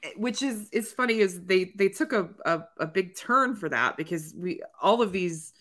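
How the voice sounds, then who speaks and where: A woman's voice: medium pitch, animated, moderate pace, fairly bright tone. A woman co-hosting a podcast in a casual film chat, laughing often and talking expressively. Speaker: podcast co-host.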